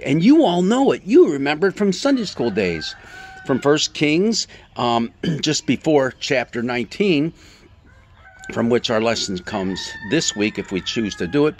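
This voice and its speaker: A man speaking as a pastor in a relaxed, informal Bible talk. He retells scripture in an animated, conversational way and breaks off for asides and questions to his listeners. He reads passages aloud, then comments on them warmly. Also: mid-range voice.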